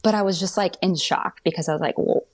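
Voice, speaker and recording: A woman's voice: lowish voice, quick pace, darkish tone. A woman telling her birth story as a podcast guest, chatty, with lots of fillers and restarts.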